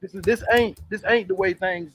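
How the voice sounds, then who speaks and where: High-voiced boastful man teasing. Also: fairly even intonation, moderate pace, slight background noise. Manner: boastful, teasing, laughs often. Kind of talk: casual profane chat.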